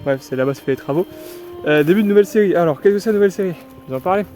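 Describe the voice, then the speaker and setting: A man's voice: sits high, rapid-fire, darkish tone, soft background music. Chatty young man rambling outdoors. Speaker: vlogger. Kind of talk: casual walking vlog. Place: outdoors in a forest.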